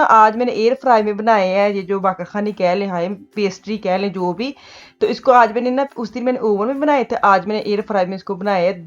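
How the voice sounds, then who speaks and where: Middle-aged Punjabi-accented woman, casual home vlogger, mid-pitched, chatty and rambling, slightly muffled audio. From Pakistan. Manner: chatty, laughs often, mixes Punjabi words into her talk. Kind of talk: casual chat. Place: home kitchen.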